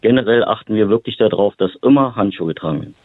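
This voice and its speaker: A man from Berlin talks as an interview guest about his therapy work. His voice sits low and comes through thin and phone-like with no room sound. His sentences run on, broken by fillers and restarts. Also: fast talker, breathy edge, no room sound. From Berlin, Germany. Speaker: boxing therapist and lecturer. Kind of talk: interview guest, casual explaining. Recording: tinny phone-line audio.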